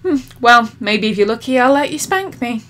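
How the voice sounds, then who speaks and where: A woman's voice: a little high, expressive, moderate pace, fairly bright tone, pitched above the performer's own voice. A woman reading a sly young pagan woman who teases with mock meekness. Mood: teasing. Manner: teasing, mock-meek.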